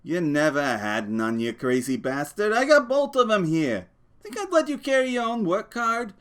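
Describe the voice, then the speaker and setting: Male reader doing a small irritable drifter; gruff, grumbling, swings up when riled. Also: medium pitch, expressive, moderate pace, close to an everyday voice. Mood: exasperated. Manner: gruff, scolding, swearing. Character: small, wiry, irritable working man. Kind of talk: audiobook character voice.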